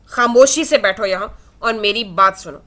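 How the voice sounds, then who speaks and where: A stern, angry young man in a read-aloud romance, harsh and clipped, with a sarcastic edge, as a woman reader voices him. The voice sits fairly high and bright. It is delivered as plain storybook reading.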